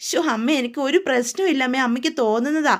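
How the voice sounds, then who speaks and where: A woman's voice: high-pitched, fast, close to an everyday voice. A woman voicing a frightened young woman who hides secrets and pleads anxiously. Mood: denying.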